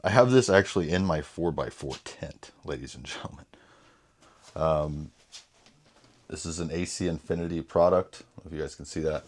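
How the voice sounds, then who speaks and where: A man giving an enthusiastic, casual show-and-tell vlog from beside his indoor grow tents, often addressing viewers as "ladies and gentlemen.". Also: low voice, normal speed. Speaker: home grower vlogger.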